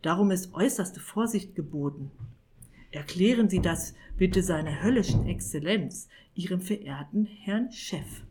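Woman playing a shrill desperate old sorcerer. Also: animated, measured pace, darkish tone. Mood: pleading. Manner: shrill, pleading, rising to cries. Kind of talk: audiobook character voice.

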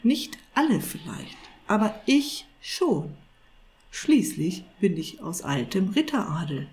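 A woman voicing a small, eager male cat who flatters and coaxes his master, in a storybook reading. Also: medium pitch, slow. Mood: earnest. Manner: eager, wheedling, polite.

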